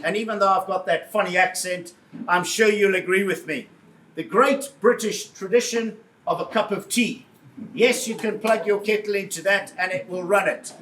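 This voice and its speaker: Man with a high voice, jovial live car presenter, recorded from a distance in an echoey room. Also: a bit bright. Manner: jovial, addresses the crowd as folks, jokes with the audience. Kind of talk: live product presentation to an audience. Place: showroom or event space. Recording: echoey room, voice heard from far off, faint ambience.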